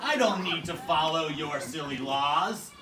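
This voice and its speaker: A man's voice: a little high, lively intonation, a little slow, a crowd in the background. A man voicing a mean, scheming, gloating Grinch as a theatrical villain in a rhyming satirical puppet show. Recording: noisy, echoey room, far from mic.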